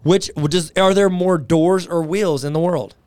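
A man in his thirties co-hosting a podcast in casual chat, joking and teasing his co-host in quick banter. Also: high voice, steady tone, darkish tone, smooth, no room sound.

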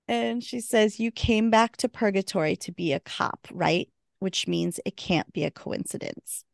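A woman co-hosting a podcast, casually recapping a TV episode and acting out the characters' lines with big jumps in pitch. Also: a little slow, creaky, no room sound, studio quality.

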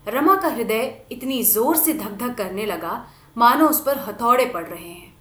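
A woman reading a novel aloud with expressive storytelling. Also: on the high side, a little slow. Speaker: narrator. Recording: echoey room.

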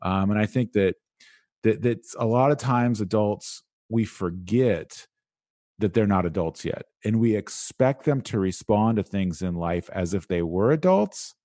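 A man speaking as a podcast guest about teenagers, in a casual, animated way. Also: on the low side, measured pace, dry recording, clean studio sound. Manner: casual and animated, many "like" fillers. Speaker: guest, school resilience speaker. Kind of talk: conversational interview.

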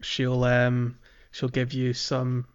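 Recapping a video game as a podcast co-host, a man chats casually and informally with a hesitant delivery. He speaks slowly at a medium pitch with a completely flat delivery, and his tone is clear and resonant, though the audio is dull.

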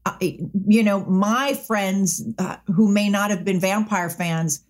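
A woman's voice: mid-range voice, takes it slowly, a little mellow. A woman, an actress on a discussion panel, chatting casually and telling stories from past shoots. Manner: chatty anecdotal storyteller. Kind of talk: casual chat.

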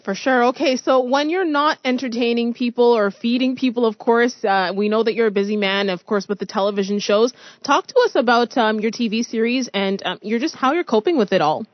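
A woman hosting a radio interview, playful and quick to laugh. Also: fairly high pitch, no echo, lo-fi sound. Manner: giggly, playful, laughs often. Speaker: radio host.

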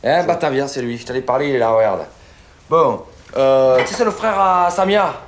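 An actor playing a loud, swaggering middle-aged boss of workmen, with a Marseille accent and a coaxing, slangy way of talking. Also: male voice, mid-range voice, normal speed, a little hiss or hum, lightly acted. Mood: boisterous. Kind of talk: film acting.

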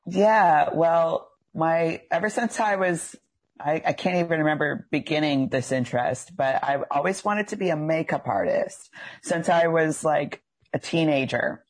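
A young adult esthetician from Cape Breton, Nova Scotia, Canada, chats casually as an interview guest. She has a female-sounding, medium-pitched voice with a Canadian accent and speaks a little slowly.

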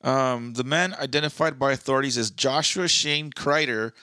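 A man's voice: mid-range voice, normal speed, sharp tone, no room sound. A man co-hosting a podcast in casual chat, crude and laughing often, reading news stories aloud. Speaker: podcast co-host.

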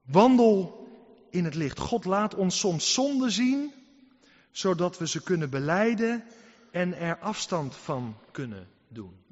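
High-pitched guy preaching a sermon, emphatic and earnest, kinda muffled lo-fi sound. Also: sing-song, slow pace. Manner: emphatic, swings between loud exhortation and quiet earnest asides. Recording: muffled sound in a reverberant hall.

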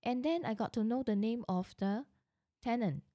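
Middle-aged woman, real estate agent; earnest storytelling monologue, soft warm tone, dry close recording. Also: a little high, normal speed, no room sound. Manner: earnest, frequent restarts and self-corrections.

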